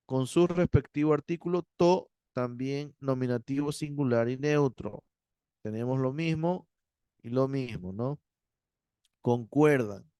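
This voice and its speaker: A man teaching a Greek grammar class, explaining patiently and checking in with his students, slowing down to spell out word endings. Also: medium pitch, dark tone, clear, resonant tone, no echo, highs cut off. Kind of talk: university Greek grammar lecture.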